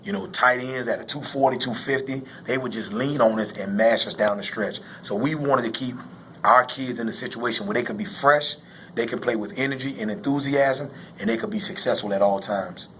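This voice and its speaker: A male high school football coach speaks in a postgame interview at a middling pitch. He explains things casually but emphatically, repeating key phrases. There is slight background noise on the recording. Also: a little fast, a bit bright, low-quality recording.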